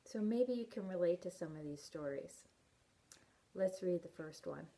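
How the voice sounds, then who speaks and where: A woman's voice: on the low side, animated, normal speed, mellow. A woman librarian welcoming children to storytime with a sing-song chant.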